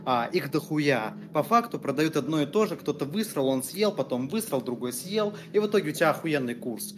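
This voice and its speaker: A man's voice: on the high side, lively intonation, a little fast, a little hiss or hum. A man in his twenties, a guest entrepreneur talking casually in an interview, slangy and swearing freely. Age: 20s.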